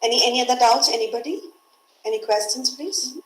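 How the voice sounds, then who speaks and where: The audio is poor, roomy, and carries a little hiss or hum as this woman teaches English pronunciation in a webinar through a video call. She speaks fairly quickly in a high-ish voice with an Indian English accent, patiently repeating key words.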